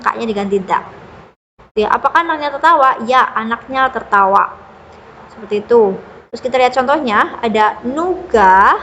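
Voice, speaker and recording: A woman teacher walks through a beginner language lesson, explaining each point patiently and stopping often to check the listener is following. Her voice sits fairly high, and a long echo trails behind it, as if she is recording in a hard, reverberant room. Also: fairly bright tone. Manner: patient, explains step by step with frequent "ya" and "gitu". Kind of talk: classroom-style lesson explanation.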